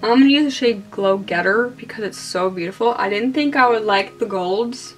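Hungover young woman chatting over soft music. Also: mid-range voice, normal speed, rough recording. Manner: hungover, rambling and self-deprecating. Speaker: beauty vlogger. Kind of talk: casual chatty makeup vlog. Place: small indoor room.

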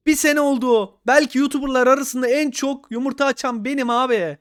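A young man commenting on his own gameplay, pleading with the game and swinging between low muttering and loud shouts. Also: steady tone, brisk, no room sound, studio quality. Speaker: gaming YouTuber.

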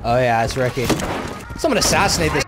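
A man's voice: mid-range voice, lively intonation, quick pace, very noisy. A man streaming live gameplay, talking casually and trash-talking opponents. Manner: cocky trash talk.

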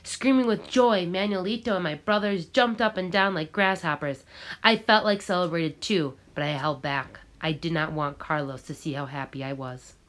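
A woman reading a novel aloud in a measured, expressive way. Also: on the low side. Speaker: audiobook reader.

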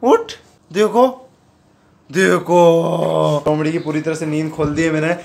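A slightly high-voiced man chats casually into a handheld camera in his home. His tone is playful and coaxing as he teases his dog, with faint background noise. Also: fairly even intonation, slow, gravelly. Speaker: vlogger. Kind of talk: casual pet vlog narration. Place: home, indoors.

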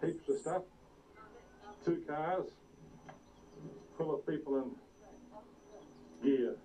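A man's voice: on the high side, very slow, warm tone. A man, a father chatting casually as he films his family, heard on an old VHS home video tape. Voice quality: playful, chatty narration to family and kids. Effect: old VHS camcorder tape sound. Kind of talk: casual commentary while filming. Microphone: camcorder mic. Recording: muffled old VHS tape, distant, hiss.

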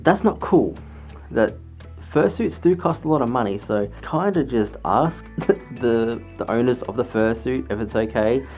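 A man's voice: mid-range voice, measured pace. Man, muffled through a fursuit head, earnest lecturing vlog, dull lo-fi sound. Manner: chatty, earnest, lecturing with restarts. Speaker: fursuit vlogger. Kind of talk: casual advice vlog. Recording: dull lo-fi sound with faint music.

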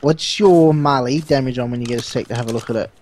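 A man's voice: medium pitch, fast talker, darkish tone, slight background noise. A man with a broad New Zealand accent, chatting casually and in matey slang while playing a game. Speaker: gamer hosting a let's play. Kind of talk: casual chat during gameplay.

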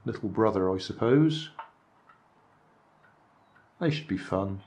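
An older man's fairly low, slightly mellow voice comes across animated yet slow as he presents charity shop finds in casual vlog narration. Sitting at an indoor table with his hands on camera, he keeps up a dry, chatty stream of musing asides.

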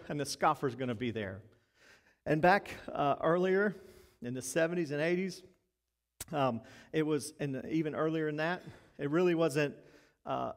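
Pastor guy preaching, kinda high voice, fired up and folksy, big echoey church sound. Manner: animated preaching, rising louder and higher for emphasis; folksy, self-deprecating asides. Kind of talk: sermon. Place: church sanctuary. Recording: long reverb from a church hall.

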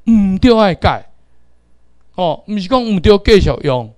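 A man's voice: sits high, sing-song, a little slow, darkish tone, no echo. A middle-aged man with a Taiwanese accent teaching a class, lecturing and calling out drill commands for the students to repeat.

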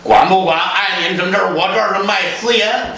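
A man's voice: sits high, quick pace, bright, forceful tone. A male storyteller voicing Cheng Yaojin, a brash, fearless outlaw who talks bluntly and boastfully. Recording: roomy live hall, mic far off.

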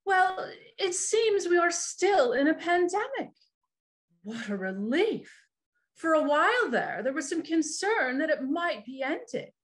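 A woman playing a gleefully macabre horror hostess, introducing the tales with arch, theatrical relish for dark jokes. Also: extremely high pitch, big pitch swings, unhurried, heavily acted. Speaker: show hostess. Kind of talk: community audio play hosting.

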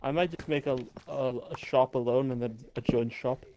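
A man's voice: mid-range voice, steady tone, normal speed, warm tone, a little hiss or hum. A man with a Welsh accent chatting casually with friends over voice chat while playing a game, joking and often trailing off mid-sentence. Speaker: gamer on voice chat.

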